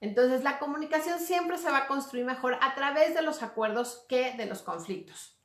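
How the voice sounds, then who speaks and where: A woman's voice: high voice, moderate pace, fairly bright tone. A woman gives a casual talk as a communication coach, speaking conversationally and checking in with little tag questions. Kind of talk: casual lecture to viewers. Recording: roomy echo.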